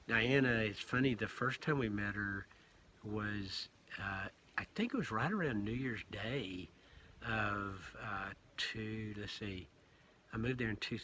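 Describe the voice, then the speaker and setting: Middle-aged guy vlogging his walk, lowish bright voice, lots of uhs and restarts, faint ambience behind. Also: slight background noise. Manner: halting, many fillers and restarts, reflective. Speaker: pilgrim vlogger. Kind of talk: casual spoken diary.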